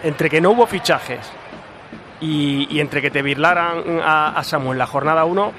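A man with a Spanish accent from Spain analysing a live football match in a halting, exasperated way, repeating words. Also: fairly high pitch, fairly bright tone. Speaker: football pundit. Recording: noisy stadium commentary position. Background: crowd and ambient noise.

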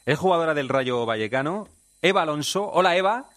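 A man from Spain hosts a radio show, rattling along at a very quick clip with a slightly raised pitch. He sounds chatty and enthusiastic, and the studio sound is dry and close. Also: animated, fairly bright tone, dry recording, faint music behind. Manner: chatty, enthusiastic, fast-talking. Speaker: radio host. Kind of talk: upbeat radio interview.

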